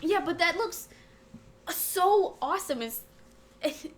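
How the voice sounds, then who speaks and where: A woman co-hosting a late-night podcast, chatting casually in an excitable, rambling way. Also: extremely high pitch, slow pace. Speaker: podcast co-host. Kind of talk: casual chat.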